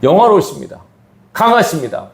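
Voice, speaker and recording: A man's voice: fairly high pitch, very animated, a little fast, gravelly. A man preaching a sermon as pastor, his emphasis rising and falling sharply. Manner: emphatic preaching with sudden rises and drops. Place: church sanctuary. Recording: echoey church hall.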